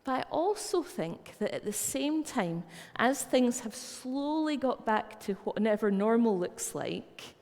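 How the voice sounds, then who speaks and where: A woman's voice: a little high, lively intonation, a little slow, few pauses, a little mellow. Scottish woman preaching in a reverberant church. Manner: conversational, anecdotal storytelling. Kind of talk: sermon. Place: church hall.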